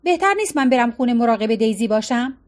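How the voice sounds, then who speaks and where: A woman's voice: a little high, lively intonation, darkish tone, close to an everyday voice. A worried middle-aged husband, read by a woman. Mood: alarmed.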